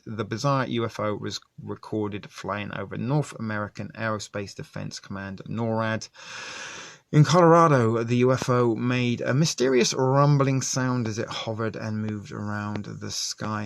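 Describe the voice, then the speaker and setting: A man hosting a casual commentary, talking in a halting, rambling way. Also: on the low side, vocal fry, no room sound. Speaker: host commenting on articles and videos.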